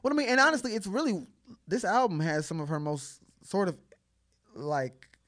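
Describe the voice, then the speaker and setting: A man co-hosting a podcast in casual chat, animated and chatty with lots of filler words. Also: sits high, moderate pace. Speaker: podcast co-host.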